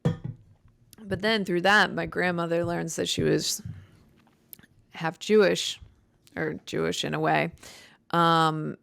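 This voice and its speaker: A young woman from Chicago hosting her own podcast in casual, blunt, joking chat, with vocal fry and a dry voice. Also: lowish voice, little pitch movement, slow pace, long pauses, a bit bright. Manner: blunt, joking, swears freely. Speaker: podcast host.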